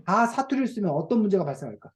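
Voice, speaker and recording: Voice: mid-range voice, sing-song, very fast. A teacher running an online reading class for children over a video call, asking questions and playfully acting out dialect phrases.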